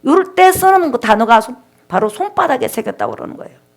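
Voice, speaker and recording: A woman's voice: sits high, very animated, fast talker, vocal fry. A woman pastor preaching a sermon, speaking directly to the congregation and retelling people's words as she leads them in call-and-response. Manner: storytelling, reenacting people's words.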